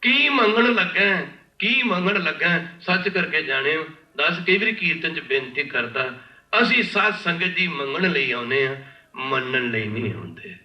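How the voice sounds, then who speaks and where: A man from India preaching a sermon with storytelling, impassioned and repeating his phrases, often pausing to beg the congregation's pardon. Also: on the high side, lively intonation. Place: large worship hall. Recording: echoey hall, distant mic, dull lo-fi.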